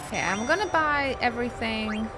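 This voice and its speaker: A young Polish woman streaming gameplay chats with her viewers in a Polish accent, musing aloud about the game's characters and story over game music. Her voice is a little high, with lively intonation and a moderate pace.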